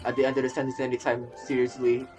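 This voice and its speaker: Talking fast in a medium-pitched monotone, a young adult virtual YouTuber streams a game with casual, meandering commentary and frequent repeated phrases, speaking over soft game music.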